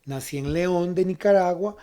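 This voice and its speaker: This Costa Rican man hosts a conversational interview show, speaking at a moderate pace with clear, resonant delivery. His voice is a bit high for a man, very mellow with a dark edge, and he tends to close phrases with a quick checking question.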